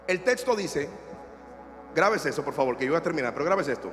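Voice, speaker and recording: A male pastor preaching a sermon in a church, lively and joking, acting out scenes. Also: a little high, fast. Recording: long church reverb with faint music.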